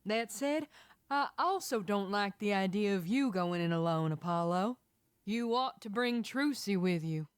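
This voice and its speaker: A woman plays a steady pony mare in a fan-made game, reassuring and gently teasing. Her voice is smooth and resonant at a middle pitch, dry with no room around it. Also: a little slow, dry recording, close to an everyday voice. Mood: calm.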